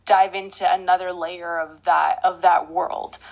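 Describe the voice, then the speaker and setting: This is a young woman in a relaxed podcast conversation. She talks in an easygoing, chatty way, sprinkles in filler words, and laughs easily. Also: fairly low pitch, gravelly, highs cut off. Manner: easygoing and chatty, with frequent likes and quick laughs. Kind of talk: casual chat.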